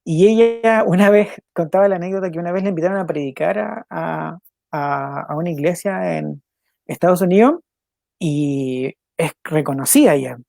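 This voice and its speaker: Hosting a devotional program, this young man talks in a fairly high, creaky, slightly mellow voice, captured close and dry with no echo. He's earnest and conversational, repeating phrases, dropping quick asides, and laughing occasionally as he moves between casual devotional talk and spoken prayer.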